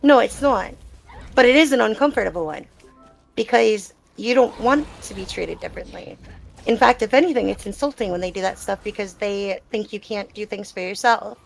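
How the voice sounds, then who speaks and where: Her voice is medium-pitched and creaky at a normal speed, captured in a rough recording with a little hiss or hum. She's a gamer taking questions during a relaxed live Q&A, explaining and reflecting in a conversational, personal way.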